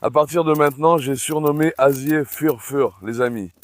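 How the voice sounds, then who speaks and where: A man's voice: on the high side, normal speed, dry recording, clean studio sound. A middle-aged man hosting a casual dog-farm vlog, chatting to viewers and calling out fondly to his dogs. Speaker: dog breeder and channel host.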